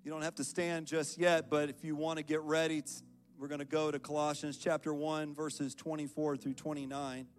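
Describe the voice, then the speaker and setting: A man's voice: fairly high pitch, level tone, normal speed, soft background music. A man giving an earnest sermon as guest preacher at a church service, reading scripture and building into prayer.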